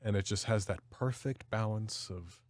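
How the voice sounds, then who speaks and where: A man's voice: lowish voice, moderate pace, darkish tone, dry recording. A man co-hosting a podcast, chatting casually and describing things with enthusiasm. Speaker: podcast co-host. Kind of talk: casual chat.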